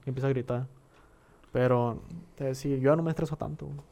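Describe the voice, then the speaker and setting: A man's voice: medium pitch, fairly even intonation, fast talker, creaky, dark tone. A young man with a northern Mexican accent, chatting casually about video games in slangy, profane speech.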